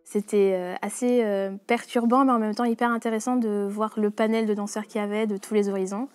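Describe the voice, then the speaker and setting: A woman's voice: mid-range voice, little pitch movement, brisk, a little mellow, soft background music. A woman in her twenties from French Guiana, a dancer and choreographer, talking about her work in an interview with frequent hesitations and restarts. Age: 20s. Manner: hesitant, many fillers and restarts. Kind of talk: interview monologue.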